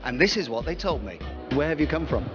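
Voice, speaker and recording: A man's voice: a little high, sing-song, brisk. Chatty man reporting, music behind. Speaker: roving trade show reporter. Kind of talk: scripted field report. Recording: dull audio with music behind.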